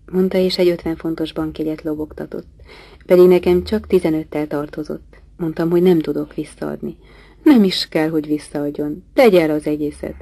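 A woman reading a novel aloud as an audiobook, in a measured, quiet and plain manner. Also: low voice, no room sound. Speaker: audiobook reader.

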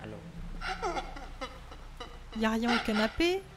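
High-pitched woman, jumpy horror-game streamer, tense and cursing, noise under the voice. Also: wildly swooping pitch, slow pace. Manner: jumpy, swearing then apologizing. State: frightened, tense. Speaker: gaming streamer. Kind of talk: horror game let's play.

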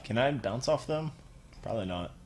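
A man chatting casually while livestreaming a game, laughing often and swinging from quiet mutters to loud outbursts. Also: mid-range voice, animated, normal speed. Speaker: livestream gamer. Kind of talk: casual gaming chat.

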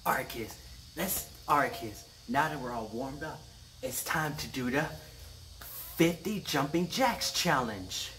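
A young man chatting casually to camera outdoors, talking haltingly and often repeating his phrases. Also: mid-range voice, lively intonation, sharp tone. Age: young adult. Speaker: vlogger. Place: outdoors on porch and yard. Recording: noisy outdoor camera audio.

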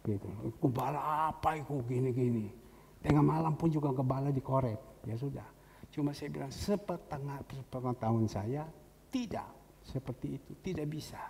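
Gravelly middle-aged pastor preaching in echoey hall. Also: male voice, medium pitch, lively intonation, moderate pace, dark tone. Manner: gravelly, conversational, with vivid quoted voices. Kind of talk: storytelling sermon. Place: church hall. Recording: echoey church hall with faint noise.

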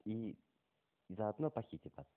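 A man is heard over the phone in a very low voice, playing the prank caller. He talks deadpan and haltingly, and the line is narrow and tinny. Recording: muffled, band-limited phone call audio.

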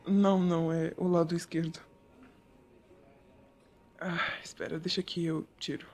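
A man voicing a shy, sweet young male photographer in a whispered role-play, talking softly and bashfully to the listener. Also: a little high, flat delivery, measured pace. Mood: gentle. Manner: soft, gentle and bashful, addressing the listener.

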